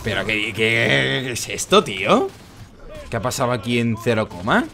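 A young man with an accent from Spain talks over his gameplay at a middling pitch, getting exasperated, swearing and ranting at the game. Loud game music plays behind his voice. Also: very animated, normal speed, creaky. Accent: Spanish from Spain. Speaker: gaming YouTuber. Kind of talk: game commentary.

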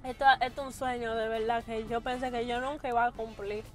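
A woman's voice: fairly high pitch, little pitch movement, fairly quick, music in the background. A woman, a content creator, exclaiming and chatting emotionally in playful banter inside a car.

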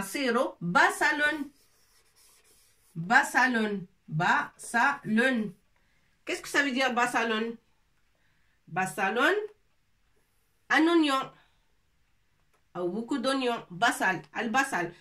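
Slow, bright-voiced woman teacher, distant mic. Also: fairly high pitch, lively intonation. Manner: patient, repeats sounds slowly, checks in with "d'accord?". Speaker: Arabic teacher. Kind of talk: slow whiteboard language lesson.

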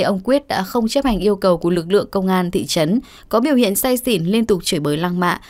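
A woman's voice: mid-range voice, a little mellow. A woman reading a scripted news report as the narrator.

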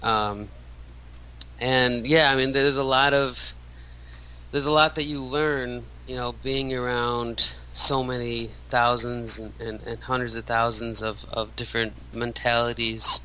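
A man's voice: medium pitch, level tone, unhurried, pushed and bright, slight background noise, low-quality recording. A man in his thirties, a radio show guest, talking casually with many restarts and fillers. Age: 30s. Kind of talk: casual interview talk.

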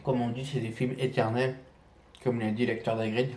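A man talking casually to camera in a food vlog, chewing while talking, halting and repeating himself. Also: mid-range voice, level tone, darkish tone, roomy sound, a little hiss or hum. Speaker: food vlogger.

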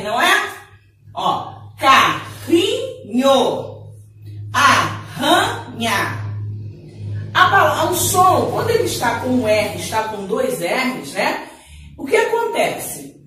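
A Brazilian woman teaching a remote lesson to small children, stretching each word out slowly as she demonstrates it. Her voice is high and sings up and down. It echoes strongly around the room, picked up from a distance. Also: very animated, slight background noise. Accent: Brazilian Portuguese. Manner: slow, drawn-out spelling and word demonstrations, warm teacherly asides. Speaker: primary school Portuguese teacher.

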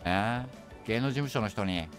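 A man's voice: fairly low pitch, unhurried, faint music behind. A man with a Kansai accent chatting casually and joking while streaming a game. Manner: chatty, joking, teasing asides. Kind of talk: casual gameplay commentary.

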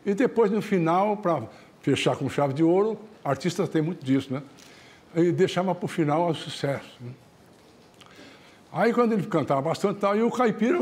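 A man's voice: fairly high pitch, a little mellow. A man hosting a show, telling folksy tales in a chatty way with frequent tag questions. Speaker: TV show host. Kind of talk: folksy storytelling.

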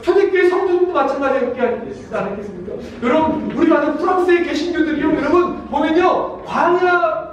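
A man's voice: very high voice, muffled recording. A man preaching a sermon as a pastor, emphatic, often calling out to his congregation. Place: church sanctuary. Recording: very echoey hall, mic far off, faint noise.

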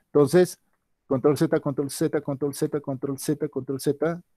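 A man's voice: a little high, fairly even intonation, a little slow, mellow, no room sound, studio quality. A tired male teacher giving an online class, thinking aloud and correcting himself as he works through the board. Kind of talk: online class with a shared whiteboard.

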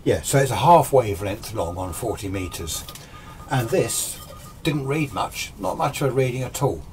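This is a sixty-something British man presenting amateur radio as a hobby, talking through technical points in a relaxed, meandering, self-mocking way. His pitch is medium and his speed normal. He's recorded in a small home radio workshop with steady noise in the background.

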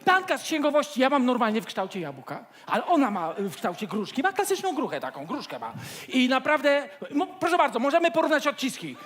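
A man's voice: extremely high pitch, sing-song, fairly quick, a bit bright. A man in a stage comedy sketch, playing a flustered office worker who stammers and bluffs his way through.

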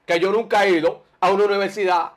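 Dominican guy bragging and rambling, kinda high voice, mixes in bad english. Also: steady tone, quick pace. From Dominican Republic. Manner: boastful, rambling, playful. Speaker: interview guest. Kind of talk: joking street interview.

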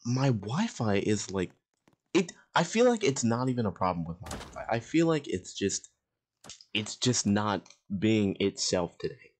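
Male gameplay host, low voice, rambling casual commentary, lots of fillers. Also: very animated, a little slow, a little mellow. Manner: rambling, hesitant, with many fillers and restarts. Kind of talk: casual commentary over online game.

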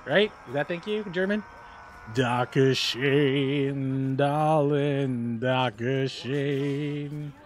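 A man's voice: fairly high pitch, a bit bright, a little hiss or hum. A man casually commenting while he plays a game on a live stream, chatty, exclaiming and laughing during fights, humming bits of tunes.

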